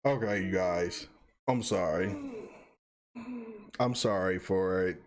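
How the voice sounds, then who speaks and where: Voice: deep voice, slow. A streamer reacting live in casual talk, laughing to the point of tears, exclamatory and disbelieving, breaking off mid-sentence.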